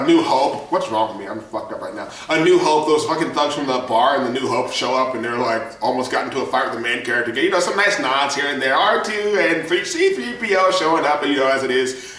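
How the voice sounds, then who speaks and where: A man's voice: medium pitch, pushed and bright. A young man casually reviewing a movie, swearing a lot, rambling and laughing often. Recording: echoey room, distant mic, faint noise.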